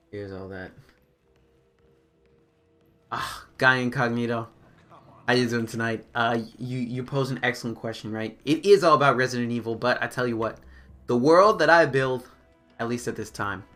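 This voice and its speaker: A man's voice: mid-range voice, normal speed, pauses often, fairly bright tone, faint music behind. A man doing casual, slangy live commentary on a video game, chatting to viewers and talking to himself and the game's characters.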